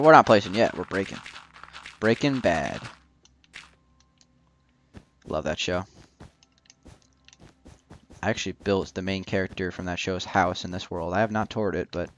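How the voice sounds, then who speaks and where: Slight background noise sits behind a young man with a low voice who hosts a gaming channel. He chats casually as he builds in a video game, wandering off topic, cracking jokes and using plenty of filler words.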